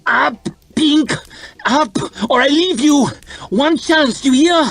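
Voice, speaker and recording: A man's voice: very high voice, takes it slowly, creaky, fairly bright tone, faint music behind, voice pushed up, exaggerated voice. A man voicing a fierce, hard-bitten female fugitive who barks harsh, urgent commands. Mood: fierce barking.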